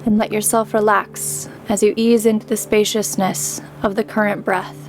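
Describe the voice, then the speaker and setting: Over background music, a medium-pitched female meditation guide and yoga teacher gently talks listeners through a guided meditation. She speaks calmly, pausing between phrases.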